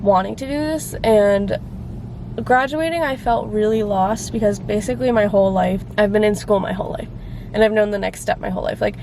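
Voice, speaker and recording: A woman's voice: mid-range voice, brisk, gravelly, noisy background. A woman in her twenties vlogging in a chatty, rambling way, her voice congested and phlegmy from a cold. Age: 20s. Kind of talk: casual chat to camera. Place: car and around town.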